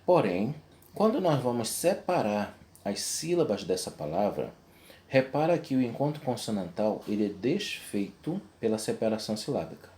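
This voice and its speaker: A man's voice: lowish voice, big pitch swings, normal speed, darkish tone. A young adult man teaching a video lesson, explaining step by step and checking in with his class.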